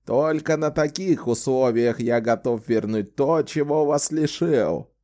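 A man voicing a sly, wry old male wizard who talks in a slow, theatrical, teasing way in an audiobook. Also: mid-range voice, dark tone, pitched above the performer's own voice, close to an everyday voice. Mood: stern, bargaining. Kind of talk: audiobook character voice.

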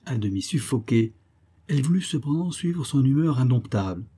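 A man narrating a novel as an audiobook, in a measured literary storytelling manner. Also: mid-range voice, lively intonation, mellow, husky.

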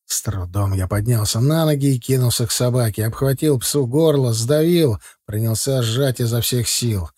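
A man reading a first-person audiobook in a steady, even manner. His voice sits at a medium pitch and is recorded close and dry, with no room sound. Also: dry recording. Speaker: audiobook narrator.

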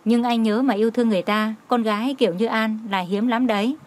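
A man's voice: high voice, steady tone, fast, natural voice. A cheeky young coworker, teasing and a bit whiny, who tends to rush his words, as a woman narrating a storybook plays him. He speaks in a plain middle voice. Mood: sheepish.

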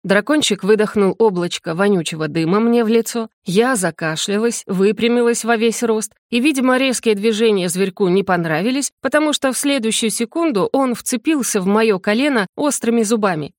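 A woman calmly reading a first-person audiobook narration. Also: on the high side, normal speed, few pauses, dry recording, clean studio sound.

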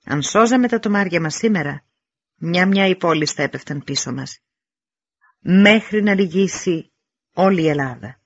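Commanding wounded king read by a man, loud and fierce, higher pitched, gravelly, dry dull recording. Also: lively intonation, long pauses, no echo. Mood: rousing. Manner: loud, forceful declamation.

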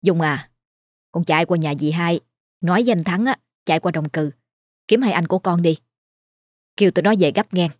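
An anxious older village neighbor, chattering and fussing in a lowish voice, as a woman storyteller puts her on. The sound is dry and close. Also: brisk, pauses often, darkish tone, dry recording, natural voice. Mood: urgent.

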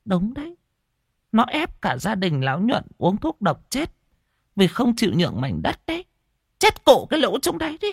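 A man voicing a spiteful village gossip woman in a shrill, raised voice. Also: huge pitch swings, normal speed, gravelly, husky, dry recording, studio quality, heavily acted.

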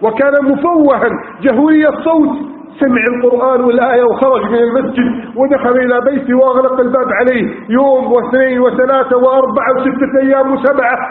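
A man's voice: very high voice, steady tone, fast talker. Guy preaching a sermon, fired-up storytelling, sounds like a phone line, big echoey hall. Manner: impassioned storytelling with rhetorical lists. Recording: tinny, echoey hall recording.

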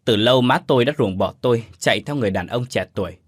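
A man's voice: medium pitch, fast, dry recording, clean studio sound, lightly acted. A man voicing an anxious, grieving young son in a storybook ghost tale, pleading in agitated outbursts. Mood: distraught.

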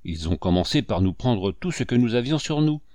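A man's voice: medium pitch, sing-song, a little fast, a little mellow, dry recording, clean studio sound, natural voice. A man reading aloud, voicing a prim, indignant young English woman.

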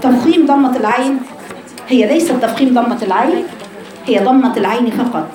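A woman with an Egyptian accent teaching Quran recitation to a class of women, correcting mistakes and drilling sounds with repeated drawn-out syllables. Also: on the high side, darkish tone. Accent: Egyptian Arabic. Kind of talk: tajweed lesson to a class. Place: room with a group of women students. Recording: echoey room with crowd chatter.

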